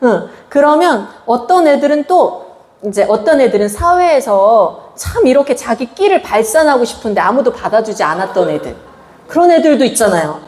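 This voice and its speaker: A woman missionary giving a lively testimony, acting out quotes with a raised voice and laughter. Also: a little high, moderate pace, roomy sound. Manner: animated storytelling, acts out quotes with raised voice and laughter. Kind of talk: testimony sermon.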